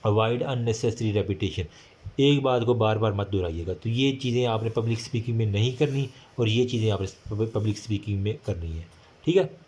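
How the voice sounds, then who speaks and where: A man giving a casual recorded lecture, reading English points slowly and explaining them in chatty Hindi-with many fillers. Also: fairly low pitch, darkish tone.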